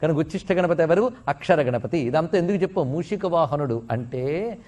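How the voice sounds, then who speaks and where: Man, high voice, religious discourse, rhetorical questions, slow chanted verses. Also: animated, darkish tone. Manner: explains with rhetorical questions and answers; chants Sanskrit verses slowly. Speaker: spiritual discourse speaker.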